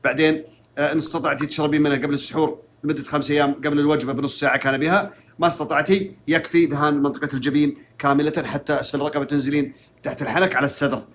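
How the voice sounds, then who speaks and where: A man, a sheikh giving advice to a caller in a lively, teasing, quick way. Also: on the high side, slight background noise. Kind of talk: live call-in advice.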